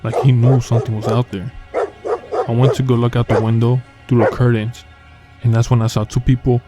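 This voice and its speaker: Low, flat-voiced man narrating horror stories. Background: faint background music.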